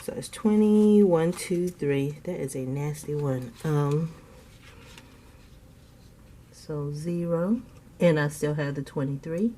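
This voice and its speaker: Slow and pausing often, a woman with a low, dark voice runs a laid-back home budgeting vlog, faint background noise audible. Her asthma leaves her slightly congested and clearing her throat, yet she's chatty, laughing a lot as she counts money aloud.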